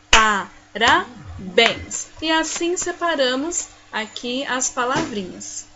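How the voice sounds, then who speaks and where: High-voiced Brazilian woman teacher. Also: fairly bright tone, muffled recording, a little hiss or hum. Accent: Brazilian Portuguese. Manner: slow syllable-by-syllable pronunciation of example words. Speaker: primary school teacher. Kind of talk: recorded lesson for young pupils.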